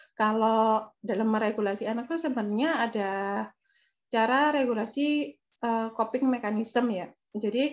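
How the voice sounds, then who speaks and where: A woman's voice: fairly high pitch, dull audio. A woman with an Indonesian accent presenting a parenting webinar over slides, hesitant with many fillers and self-corrections. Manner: acts out soft calming lines to a child.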